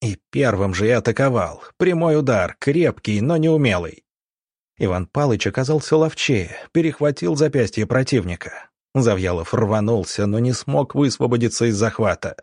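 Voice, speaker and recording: A man narrating an audiobook in a steady, expressive reading. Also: mid-range voice, moderate pace, no room sound, studio quality.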